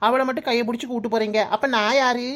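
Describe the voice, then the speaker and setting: A woman's voice: on the high side, steady tone, fast, fairly bright tone, natural voice. A woman voicing a cheeky young village woman with a Kanyakumari Tamil accent, who keeps complaining and teasing. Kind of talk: cartoon voice acting.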